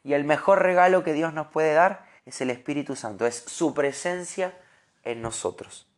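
A man with a Rioplatense Spanish accent giving an earnest, animated devotional sermon, sometimes restarting his words. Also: fairly high pitch, normal speed. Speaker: preacher.

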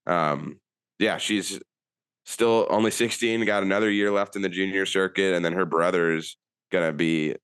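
A man's voice: deep voice, fairly even intonation, normal speed, a bit bright, smooth, dry recording, clean studio sound. A man co-hosting a casual podcast, talking in an easygoing, chatty way. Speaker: podcast co-host. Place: Anchorage.

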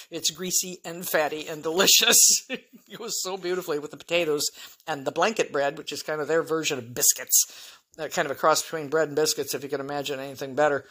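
Bright-voiced chatty woman podcaster. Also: fairly low pitch. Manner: rambling, frank, chatty asides. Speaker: podcast host. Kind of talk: casual monologue.

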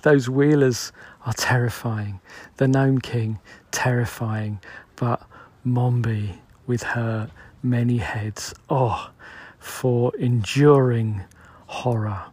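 A man's voice: mid-range voice, steady tone, slow pace, a little mellow, husky. A British man in his forties, host of a solo podcast, musing aloud in a loose, rambling way.

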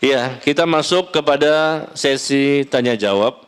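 A man preaching a sermon and answering audience questions, talking in an animated, emphatic and gently humorous way, addressing the listeners directly. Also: medium pitch, measured pace, clear, resonant tone. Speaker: Islamic preacher.

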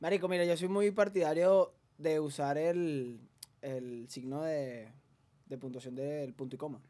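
A man's voice: a little high, steady tone, unhurried, dark tone. A young Venezuelan man with a Venezuelan accent, co-hosting a podcast in crude, joking banter. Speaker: podcast co-host. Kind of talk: casual chat.

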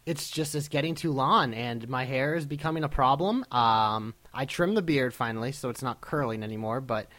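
A man co-hosting a podcast in casual fan banter, excitable and a little showy. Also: mid-range voice, normal speed, few pauses. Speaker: podcast co-host.

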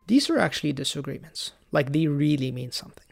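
A man hosting a solo teaching podcast, explaining church history in a calm, lightly wry way. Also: a little high, fast talker, faint music behind. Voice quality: gravelly. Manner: raised in the Coptic Orthodox Church. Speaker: podcast host.

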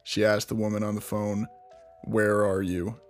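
A man's voice: on the low side, little pitch movement, normal speed, faint music behind. A man hosting a true crime podcast, recounting a case in a casual, conversational way with frequent restarts and asides. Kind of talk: casual storytelling narration.

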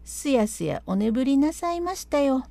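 Woman doing a young maid, higher pitched, eager, super polite and busy. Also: sing-song, moderate pace, vocal fry, no room sound, full character voice. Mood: coaxing. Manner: bright coaxing servant's politeness. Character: eager young maidservant, brisk and dutiful.

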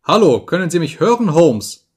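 A man reading an audiobook, voicing a cruel, mocking visitor who taunts a sick man in a sharp tone. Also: medium pitch, moderate pace, lightly acted. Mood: calling. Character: sneering sinister male visitor, mocking and cruel.

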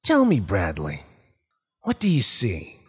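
A man's voice: on the low side, wildly swooping pitch, takes it slowly, slightly rough, exaggerated voice. A man reading a horror story, voicing a sly, menacing rabbit-like monster with steel teeth in a taunting, mock-friendly, sing-song way with an uncanny, strained timbre.

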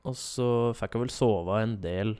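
A man's voice: lowish voice, a little mellow. A young man telling a long story in casual chat, rambling with many fillers and self-corrections.

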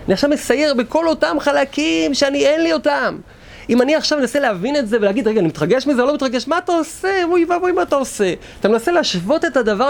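Rabbi guy teaching before passover, high gravelly voice, acts out inner voices, bit of hiss. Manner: animated, acts out inner voices with sudden pitch jumps. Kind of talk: Passover preparation lesson.

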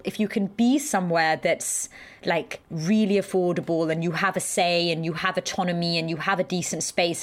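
A woman from Denmark co-hosting a podcast, chatting and searching for words as she explains. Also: lowish voice. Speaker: podcast co-host. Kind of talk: conversational discussion.

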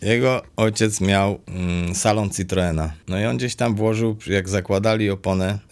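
Gravelly low-voiced man, hesitant. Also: steady tone, moderate pace. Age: middle-aged. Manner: hesitant, evasive, dry humor. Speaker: speedway mechanic, guest. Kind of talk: casual podcast chat.

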